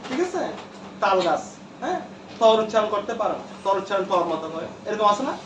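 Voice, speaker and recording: A man's voice: high-pitched, very animated, fast, slight background noise. A male teacher lecturing a classroom, repeating terms and quizzing his students. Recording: echoey room from far off.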